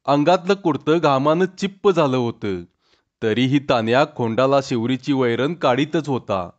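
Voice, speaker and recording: A man reading a rural story aloud in a calm, measured way. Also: medium pitch. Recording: dull lo-fi audio.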